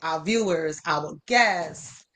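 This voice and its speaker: A woman's voice: low voice, takes it slowly, a bit bright. Woman host with uneven, dropping-out audio. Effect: uneven volume, audio dropping in and out. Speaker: talk show co-host. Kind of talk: casual live show hosting.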